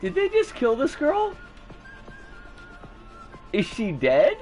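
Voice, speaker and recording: A man's voice: very high voice, wildly swooping pitch, slow pace, darkish tone, faint music behind. A man chatting casually as a game streamer, with a sardonic, rambling, sweary manner. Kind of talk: casual livestream chat and commentary.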